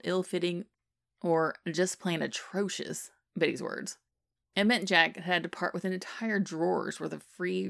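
A woman reading a fan fiction story aloud as narration in a steady, even way. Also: on the low side, creaky, dry recording, studio quality. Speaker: podfic reader.

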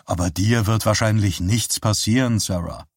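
A man's voice: fairly low pitch, normal speed, breathy edge, dry recording. A cheeky young guy spinning tall tales with a straight face, read by a man, dry close sound. he teases with playful mock seriousness and lifts his voice a little above plain talk. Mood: teasing. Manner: teasing, deadpan mock-serious.

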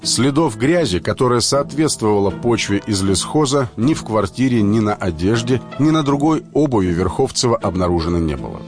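A man's voice: on the low side, animated, fairly quick, few pauses, darkish tone, soft background music. A man reading scripted narration for a crime story.

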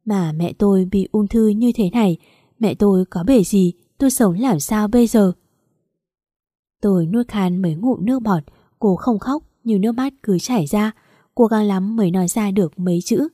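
Calm mellow woman narrating a story. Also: mid-range voice, moderate pace, husky, no echo, clean studio sound. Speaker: audiobook narrator. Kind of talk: scripted first-person story narration.

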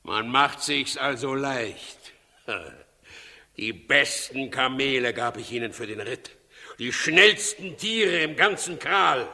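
A man's voice: mid-range voice, lively intonation, slow pace, creaky, bright, forceful tone, heavily acted. An actor playing an imperious, suspicious, easily enraged king in a 1960s radio drama, with a commanding, agitated manner. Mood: outraged, commanding. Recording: 1960s radio recording, long hall reverb.

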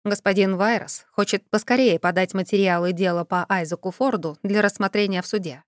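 A woman's voice: medium pitch, fairly even intonation, fairly quick, no room sound, clean studio sound, close to an everyday voice. A woman voicing a formal male royal guardsman who speaks in a businesslike way.

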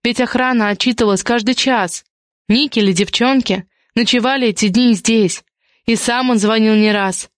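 A woman reading a romance novel aloud as an audiobook narrator, in calm, even storytelling. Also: on the high side, normal speed, no room sound, clean studio sound.

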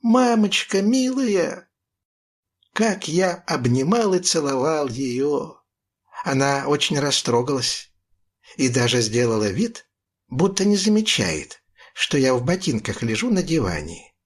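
A man reading a children's story aloud in a slow, expressive way. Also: medium pitch, slightly rough. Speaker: narrator.

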